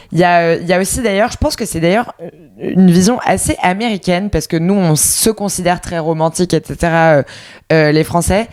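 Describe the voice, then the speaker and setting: A woman's voice: lowish voice, darkish tone, smooth. A young woman in her twenties co-hosting a podcast in casual chat, chatty with many fillers and English words slipped in. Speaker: podcast co-host.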